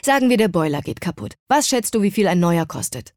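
A woman's voice: lowish voice, sing-song, a little fast, a little mellow, no room sound, studio quality. A woman voicing a sensible young woman who talks in a matter-of-fact, patient way in an audiobook. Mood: exasperated.

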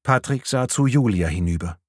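A man narrating a crime novel audiobook in a measured, even way. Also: fairly low pitch, slightly rough, dry recording, clean studio sound.

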